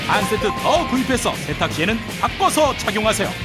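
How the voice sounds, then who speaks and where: Loud music bed, woman announcer, lively intonation, punchy hard-sell ad narration. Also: mid-range voice, brisk. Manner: punchy, emphatic slogans. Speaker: advertisement announcer. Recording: voice-over with loud music behind.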